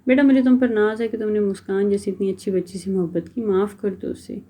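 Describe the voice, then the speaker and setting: Woman reading a remorseful gentle old father. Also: mid-range voice, steady tone, lightly acted. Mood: tender. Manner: tender, apologetic.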